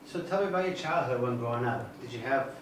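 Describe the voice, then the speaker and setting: A man's voice: medium pitch, expressive, quick pace. A man interviewing a guest, asking direct and encouraging questions. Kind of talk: casual interview. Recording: roomy, distant mic, faint noise.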